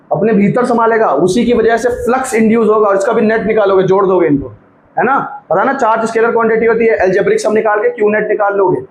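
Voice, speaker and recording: A high-pitched male physics teacher who talks through the lesson step by step, repeating himself and coaxing students to keep up. His voice rings in an echoey room, with faint noise behind it. He drops in light teasing asides along the way. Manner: repetitive, coaxing, keeps checking students follow. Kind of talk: classroom lecture at a board.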